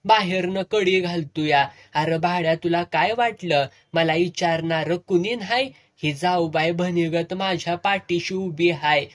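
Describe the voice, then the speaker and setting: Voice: medium pitch, lightly acted. A storyteller voicing a fierce middle-aged village aunt with a rural Marathi accent, delivering an abusive tirade. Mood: scolding. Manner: scolding, abusive, rapid tirade.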